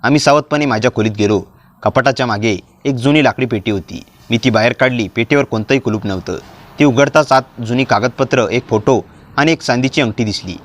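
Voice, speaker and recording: A man giving a steady, dramatic first-person narration of a story. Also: medium pitch, a little fast.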